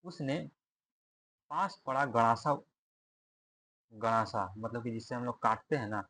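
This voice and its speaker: A man's voice: medium pitch, unhurried, a bit bright, no room sound. A man teaching Hindi literature for an exam, reading a story aloud, then asking questions about it and answering them himself. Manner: asks questions and answers them, repeats lines.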